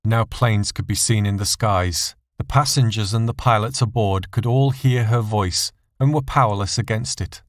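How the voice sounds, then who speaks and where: Male story narrator, dark scripted fiction, low pitch, close dry sound. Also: normal speed, few pauses, no room sound.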